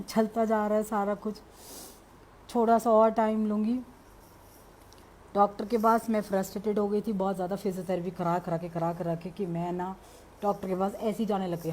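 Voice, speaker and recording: A middle-aged woman shares a personal spiritual testimony in animated storytelling, slipping English phrases into her talk. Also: medium pitch, a little hiss or hum. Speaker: devotee sharing a testimony.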